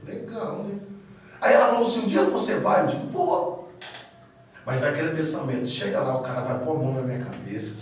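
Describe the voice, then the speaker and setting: A man giving a casual spoken testimony as a guest, animated storytelling that acts out quoted dialogue. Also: mid-range voice, rapid-fire, hardly any pauses. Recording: echoey room, far from mic, faint noise.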